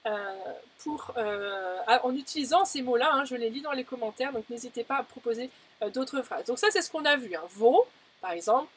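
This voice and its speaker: A woman leads a live German lesson. Her voice sits a little high and has a husky, breathy edge. She chats easily with many fillers and slows down to model each phrase. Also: animated. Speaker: German teacher. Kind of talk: live-streamed language lesson.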